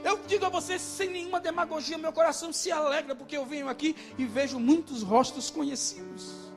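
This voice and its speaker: High-pitched shouting preacher man. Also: steady tone, a little fast, soft background music. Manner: swings from shouted climaxes to hushed, quiet telling. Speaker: pastor. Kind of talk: impassioned Pentecostal-style sermon. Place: church before a congregation.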